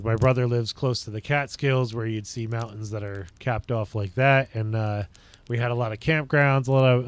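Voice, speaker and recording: A man's voice: on the low side, clean tone. A man from upstate New York hosting a casual livestream, chatting with viewers and thinking aloud in loose, rambling sentences. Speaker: livestream host.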